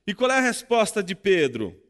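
A man with a Brazilian Portuguese accent preaching a sermon as a pastor, expressive and fond of rhetorical questions. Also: high voice, normal speed, in a large hall. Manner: expressive, acts out dialogue and asks rhetorical questions.

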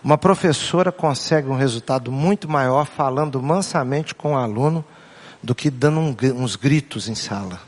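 A man's voice: mid-range voice, normal speed. A man with a Brazilian Portuguese accent, a pastor giving a humorous sermon, joking with the congregation and repeating his key points. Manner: playful, acts out family voices and jokes with the crowd; asks the congregation questions and repeats key phrases.

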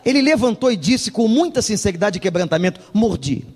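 A man's voice: high-pitched, expressive, fast talker, big-room sound. A male pastor preaching a sermon, telling a humorous story and acting out the dialogue of its people.

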